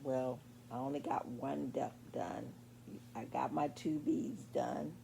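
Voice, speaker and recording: A drowsy woman in her sixties chats unhurriedly through her day's crafts, her words drawn out and slow. Her voice is mellow and gravelly, and she drifts between thoughts with frequent ums. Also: very deep voice, a little hiss or hum. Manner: slow, meandering, many pauses and ums. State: sleepy, late at night. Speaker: crochet vlogger. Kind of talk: casual show-and-tell vlog.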